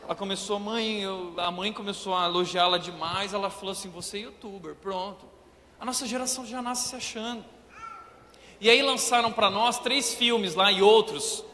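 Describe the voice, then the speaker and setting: A young Brazilian man preaching an animated, comedic sermon, acting out scenes, in a church auditorium. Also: sits high, moderate pace. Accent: Brazilian Portuguese. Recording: reverberant church hall, faint noise.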